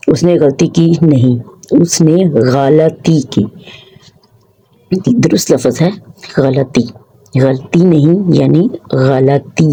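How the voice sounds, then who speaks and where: A teacher giving a pronunciation lesson for a video channel, explaining carefully and repeating each word slowly. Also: mid-range voice, vocal fry, warm tone, slightly rough. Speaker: Urdu language teacher.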